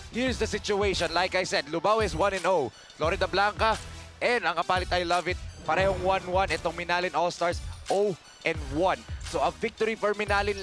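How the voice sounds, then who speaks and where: High-voiced Filipino male sports commentator. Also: a bit bright. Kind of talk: broadcast game preview commentary.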